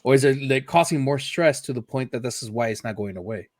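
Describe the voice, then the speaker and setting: A young man co-hosting a podcast who talks loosely, swears casually and mixes Spanish words into his English. His pitch is middling. The recording is close and dry, with no echo. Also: fast. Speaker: podcast co-host. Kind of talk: casual chat.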